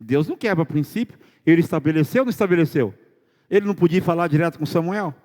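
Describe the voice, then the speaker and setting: Man preaching, pastor, rhetorical questions, slightly high voice, long church reverb. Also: expressive, quick pace, a little mellow. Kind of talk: sermon.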